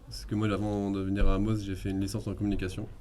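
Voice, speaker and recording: A man's voice: on the low side, completely flat delivery, fast talker, mellow. A man in his twenties answering interview questions informally as a student project manager. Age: 20s. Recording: faint ambient background noise.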